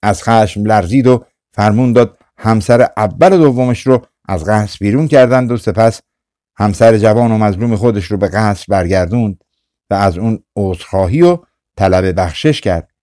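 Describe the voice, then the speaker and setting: A man reading a folktale aloud for an audiobook in a calm, measured storytelling manner. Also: on the low side, no echo, studio quality. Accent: Persian. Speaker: audiobook narrator. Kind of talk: scripted storytelling narration.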